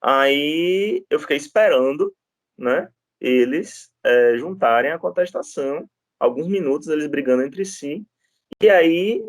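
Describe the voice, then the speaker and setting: A man with a Brazilian Portuguese accent gives a law lecture, telling courtroom stories in a loose, chatty way. His voice sits a little on the high side, and he keeps tossing in quick tag questions to his students. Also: expressive, no echo, studio quality. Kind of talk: informal lecture with anecdotes.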